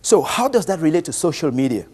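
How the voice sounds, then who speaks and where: A Cameroonian-accented man in his late 30s, who grew up speaking a Bantu language, gives a motivational presentation like a practised presenter. His fairly high, darkish and husky voice has a sing-song quality, and he speaks deliberately and emphatically, putting rhetorical questions to the audience.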